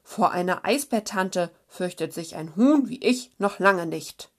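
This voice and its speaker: A woman's voice: on the low side, animated, a little slow. A woman voicing a small, defiant female snow grouse with a shaky voice.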